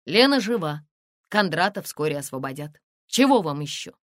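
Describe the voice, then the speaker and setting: A curt, sardonic middle-aged museum director, read by a woman in an audiobook. His lines come in a lowish, lively voice, dry and close. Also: normal speed, no room sound. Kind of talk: audiobook character reading.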